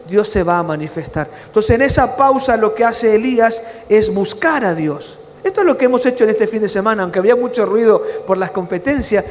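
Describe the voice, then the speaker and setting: Man, pastor, impassioned sermon, faint room ambience. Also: a little hiss or hum. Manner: rises to impassioned, near-shouted emphasis, then drops low and quiet in prayer. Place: church. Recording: reverberant church hall with faint ambience.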